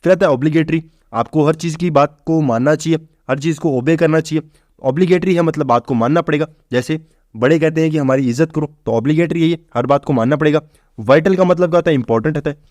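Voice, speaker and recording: With a quick delivery and a fairly high but darkish voice, a man leads an English vocabulary lesson for exams in a clean studio setting with no echo. He's informal, calls students "bhai," and explains step by step while asking and answering his own questions.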